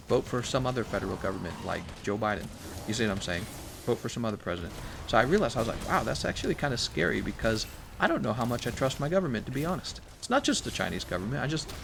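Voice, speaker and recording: Gravelly man chatting on a live stream. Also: mid-range voice, background noise. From Missouri. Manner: rambling, reads chat aloud, laughs often. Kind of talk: casual chat while gaming.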